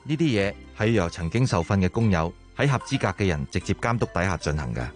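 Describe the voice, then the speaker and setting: A young man acting a calm safety expert in a radio drama, giving steady, instructive explanations. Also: deep voice, fast talker, faint music behind. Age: young adult.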